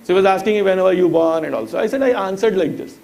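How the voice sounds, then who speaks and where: Here the same kind of speaker, an Indian-accented man in his thirties, talks quickly in a high, gravelly voice with a darkish tone. A slight hiss or hum accompanies his motivational guest talk, which relies on stories and rhetorical questions to teach.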